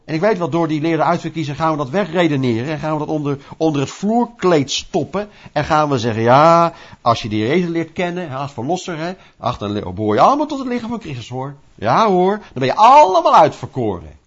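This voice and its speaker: A man preaching a sermon in a lively, conversational way, asking rhetorical questions and acting out little scenes. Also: fairly high pitch, fast talker. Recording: dull lo-fi recording.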